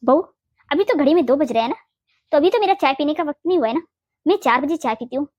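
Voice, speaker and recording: A woman voicing a fiercely protective, sharp-tongued older mother-in-law in a Hindi cartoon, blunt and bossy. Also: sits high, lively intonation, fast, dry recording, muffled recording. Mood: brisk. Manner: blunt, scolding, makes boastful vows.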